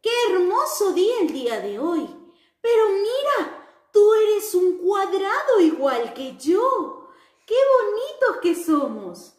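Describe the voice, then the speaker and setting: A woman doing a high, gushing cartoon square. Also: big pitch swings, slow pace, a little mellow, exaggerated voice. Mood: delighted. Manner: high, gushing and sing-song. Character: cheerful vain cartoon square, friendly and childlike. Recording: roomy echo.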